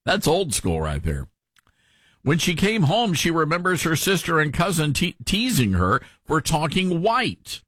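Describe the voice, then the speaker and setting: A man's voice: a little high, huge pitch swings, measured pace, a bit bright, husky, dry recording, studio quality. A man with a mellowed Southern American accent hosting talk radio in a conversational, folksy way. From Southern US, Tennessee.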